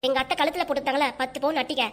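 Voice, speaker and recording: This is a combative young daughter-in-law from a cartoon family comedy. She has a southern Tamil Nadu accent. Her voice sits high, and she fires off her accusations fast. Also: steady tone, fairly bright tone. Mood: demanding. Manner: scolding, confrontational.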